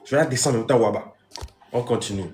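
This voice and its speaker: A man's voice: medium pitch, fast, a little mellow, faint music behind. A man hosting a comic live stream as a strict father, lecturing with emphatic repetition. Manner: lecturing, emphatic, repeats phrases. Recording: roomy echo.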